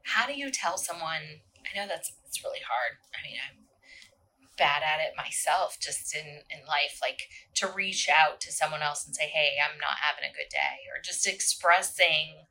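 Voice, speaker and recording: Low, bright-toned woman host. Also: moderate pace, slight background noise, rough recording. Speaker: podcast host. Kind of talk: interview hosting.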